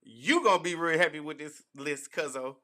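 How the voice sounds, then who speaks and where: A man's voice: on the high side, expressive, normal speed. A man co-hosting a casual sports podcast, leading the rundown with playful, joking banter. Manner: loud, playful banter, leads the show. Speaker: podcast co-host.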